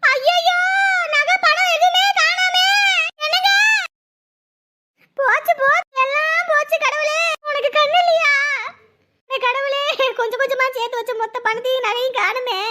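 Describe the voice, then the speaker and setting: A woman's voice: extremely high pitch, steady tone, measured pace, pushed and bright, heavily acted. A woman voicing a panicky, wailing middle-aged village wife in a cartoon, with a Kanyakumari Tamil accent. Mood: panicked. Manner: wailing, pleading. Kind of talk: cartoon voice acting.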